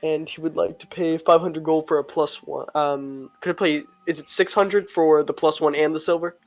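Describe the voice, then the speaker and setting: Higher-pitched man playing a tabletop game. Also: steady tone, moderate pace, a little mellow, no room sound. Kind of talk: casual game chat.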